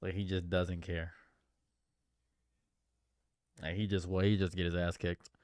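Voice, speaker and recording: A man's voice: deep voice, little pitch movement, measured pace, darkish tone, no room sound, studio quality. A man in his late twenties chatting casually on a livestream, rambling and repeating his phrases. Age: late 20s. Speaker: streamer.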